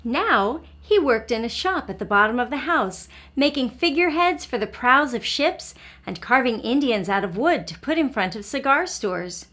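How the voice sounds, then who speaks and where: High-leaning, expressive, and sharp in tone, this woman's voice is aimed at small children during a lesson and story read-aloud. She encourages them with simple words, asks questions, and pauses to let young viewers respond.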